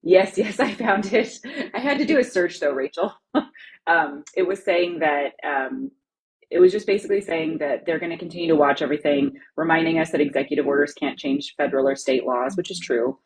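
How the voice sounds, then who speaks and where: A woman's voice: low voice, brisk, a little hiss or hum, rough recording. A woman co-hosting a live stream on education advocacy, chatting casually with viewers, laughing often and saying "like" a lot. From lives in Ohio. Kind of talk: casual chat answering viewer comments.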